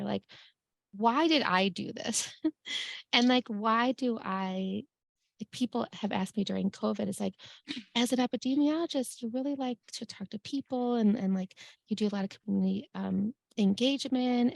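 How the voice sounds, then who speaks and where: A middle-aged woman from Chicago shares her story with a community group, talking loosely with plenty of "like" and self-corrections. Her voice has a strong gravelly fry, her pitch sits in a mid range, and the sound is dry and close. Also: no room sound. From Chicago, USA. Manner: many fillers and restarts, says "like" often. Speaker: epidemiologist and guest speaker.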